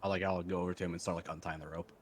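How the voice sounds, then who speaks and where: A very low-pitched man talks quickly as a player in a tabletop game. His casual speech rambles and hedges, with faint noise behind it. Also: flat delivery. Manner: rambling, hedging, heavy use of "like".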